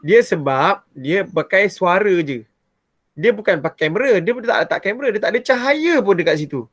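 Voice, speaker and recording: A Malaysian Malay man teaching primary science to a class, with a high voice. He explains in a chatty, animated way and often starts a sentence with "ha". The sound is close and dry. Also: a little fast, no echo. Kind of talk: explaining a lesson to pupils.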